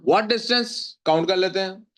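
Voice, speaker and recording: A physics teacher with a slightly high voice for a man lectures his class, slowly reading questions in English before explaining them in Urdu, and repeatedly asks the students to supply answers.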